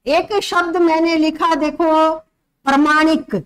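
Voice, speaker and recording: A woman teaching a grammar lesson for exam prep, with a slight tinge, explaining slowly and repeating key words for her students. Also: high voice, steady tone, fairly bright tone, rough recording.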